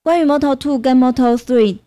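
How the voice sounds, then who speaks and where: A woman's voice: sits high, normal speed, background noise. A woman co-hosting a casual podcast, listening closely with short replies and wrapping up segments. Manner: attentive listener, short backchannels, repeats words to practice. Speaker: co-host.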